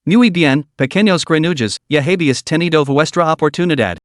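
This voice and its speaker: A man's voice: fairly high pitch, moderate pace, no room sound, studio quality, natural voice. A man reading the lines of a cocky three-year-old boy cultivator in a smug, taunting manner.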